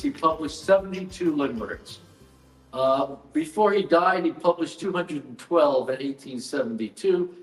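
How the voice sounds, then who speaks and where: A man presenting his book at a live event, explaining in a measured way with dry asides. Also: a little high. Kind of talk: live explanatory talk to an audience. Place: event hall at a book fair. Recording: roomy hall echo, mic some distance off, faint music.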